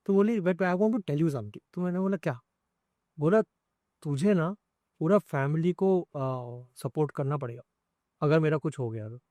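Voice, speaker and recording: Male guest, higher-pitched voice, soft and halting, telling a heartfelt story into a dry, close mic. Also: dry recording. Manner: soft, emotional, halting recollection. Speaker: music composer interviewed as guest. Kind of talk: personal storytelling in an interview.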